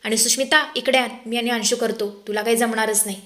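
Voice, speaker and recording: A woman voicing a bossy, scheming middle-aged mother-in-law who gives hushed commands. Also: a little high, steady tone, fairly quick, natural voice. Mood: commanding.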